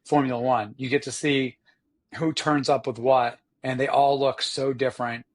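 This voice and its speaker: A man co-hosting a podcast in casual motorsport chat, with a hoarse, rough voice and a rambling, slangy, enthusiastic way of talking. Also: medium pitch, little pitch movement, normal speed. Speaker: podcast co-host.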